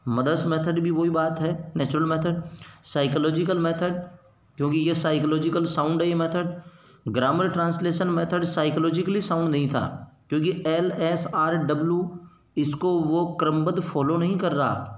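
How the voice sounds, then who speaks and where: A man's voice: a little high, fairly even intonation. A man giving an exam-prep lecture as an English teacher, explaining in Hindi mixed with English terms and repeating points for emphasis. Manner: reads English quotations slowly, then glosses them. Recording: echoey room.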